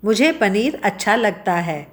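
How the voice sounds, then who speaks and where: A woman voicing a kind, gracious male king in a children's story, speaking gently and reassuringly. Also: medium pitch, animated, unhurried, close to an everyday voice. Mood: warm.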